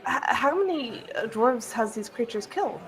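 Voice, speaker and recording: Woman, tabletop player, eager stumbling questions, lively pitch. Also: normal speed, rough recording. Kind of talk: tabletop role-play.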